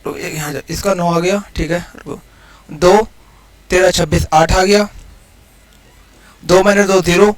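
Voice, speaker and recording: A man teaching maths in a casual exam-prep lesson, explaining each step aloud and counting digits quickly. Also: sits high, fairly even intonation, poor audio. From India.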